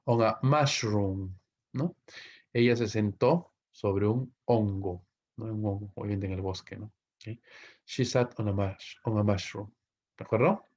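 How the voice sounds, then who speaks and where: A fairly low-voiced man from Peru gives a recorded English grammar lesson in Spanish. He walks through each example, checks in with his students constantly and slows down to read the English sentences carefully. The recording sounds dull and lo-fi. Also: steady tone, warm tone. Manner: explains step by step, asks students questions and keeps checking with "¿ok?"; reads English example sentences slowly and clearly. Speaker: English teacher.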